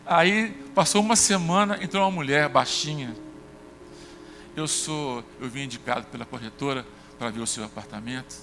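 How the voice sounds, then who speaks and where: Brazilian pastor telling stories in a reverberant church. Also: male voice, moderate pace. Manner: conversational storytelling, acts out dialogue with shifts in pitch. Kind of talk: sermon with personal storytelling. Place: church sanctuary.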